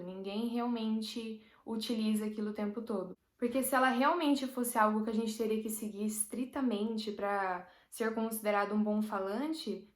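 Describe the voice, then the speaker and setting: A woman's voice: medium pitch, fairly bright tone. A woman with a Brazilian Portuguese accent, teaching a casual language lesson and patiently explaining with everyday examples. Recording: roomy echo.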